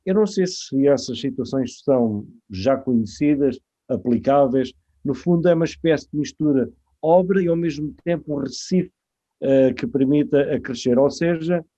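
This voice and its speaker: A man's voice: mid-range voice, warm tone. A man moderating a webinar, speaking hesitantly with many fillers. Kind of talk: webinar panel discussion. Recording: muffled video-call audio.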